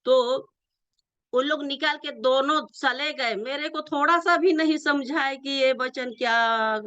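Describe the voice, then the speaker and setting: An older woman with a non-native Hindi accent gives a personal church testimony in an earnest, halting manner, repeating herself often as she tells her story. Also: sits high, a bit bright, dry recording. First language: not Hindi. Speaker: church member giving testimony.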